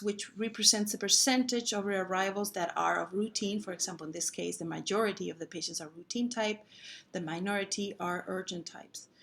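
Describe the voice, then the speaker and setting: Woman, instructional presenter, software walkthrough, halting delivery, mid-sentence pauses, medium pitch. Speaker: presenter explaining a simulation model.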